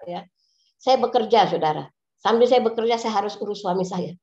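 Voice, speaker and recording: A woman's voice: medium pitch, a little mellow. A middle-aged woman pastor giving an earnest testimony sermon, often addressing her listeners directly. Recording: echoey, slightly dull recording.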